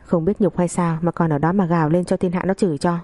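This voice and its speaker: A woman voicing a defiant, sharp-tongued young wife who answers back coolly and cuttingly. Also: fairly low pitch, steady tone, quick pace, no echo, close to an everyday voice. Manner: cool, mocking, cutting.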